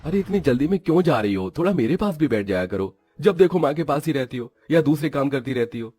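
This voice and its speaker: A man's voice: fairly high pitch, lively intonation, fast talker, dark tone, husky, dry recording. A man doing an impatient young husband. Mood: complaining. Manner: complaining, impatient.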